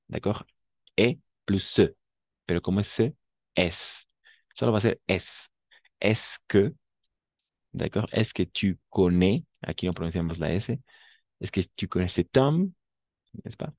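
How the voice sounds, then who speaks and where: A man teaching a French class, explaining pronunciation patiently, modeling words slowly and often checking that students follow. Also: low-pitched, darkish tone, no echo.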